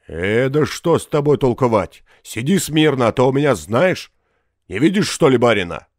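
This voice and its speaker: A man reading an audiobook, voicing a stern forester who speaks curtly and roughly. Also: fairly low pitch, steady tone, measured pace, warm tone, no echo, studio quality. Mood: angry. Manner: curt, brusque. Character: gruff stern male forester, grim and stubborn.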